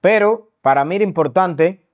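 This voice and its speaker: A young man from Cuba with a Cuban Spanish accent answers interview questions in an earnest, argumentative way. His voice sits a bit high for a man, and he keeps checking in with his listener. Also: moderate pace. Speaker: journalist and social media commentator.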